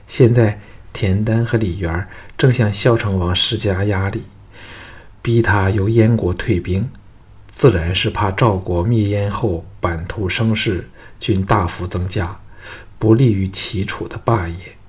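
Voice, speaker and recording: Audiobook role: coquettish young woman, playful and teasing, read by a man in a low, husky voice. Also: fairly even intonation, measured pace, darkish tone.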